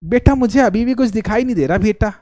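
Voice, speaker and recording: A man's voice: sits high, fast talker, darkish tone, no echo, studio quality, close to an everyday voice. A man playing a fretful old grandfather. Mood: pleading. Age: older. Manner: pleading, repeats "son" over and over. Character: fretful old grandfather who cannot see his phone.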